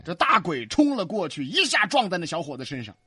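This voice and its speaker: A woman narrating a folk tale briskly in a comic two-hander. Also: lowish voice, sing-song, a bit bright, slight background noise. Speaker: storyteller.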